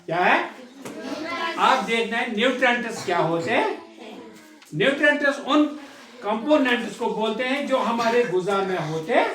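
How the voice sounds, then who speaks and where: A man's voice: extremely high pitch, animated, normal speed, pauses often, fairly bright tone. A man teaching a school science class, repeating key terms and asking students to call them back. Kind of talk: classroom lecture. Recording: echoey classroom, distant mic.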